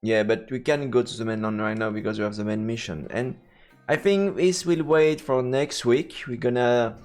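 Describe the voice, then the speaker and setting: Reading game text aloud as a live streamer playing a visual novel, a man with a French accent adds casual, playful, theatrical commentary. His voice is medium-pitched and darkish, at a moderate pace, with faint game music in the background.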